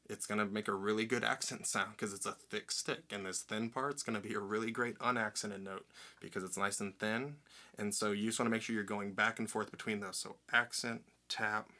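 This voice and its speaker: A young man gives an instructional drum set lesson, explaining step by step and counting beats aloud in an upbeat way. His voice is on the low side, bright, and forceful.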